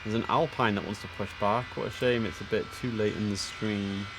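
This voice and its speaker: A man with a fairly low, gravelly voice speaks briskly and steadily while livestreaming as an air traffic controller. He gives clipped, formal radio instructions and mutters casual commentary to himself between them.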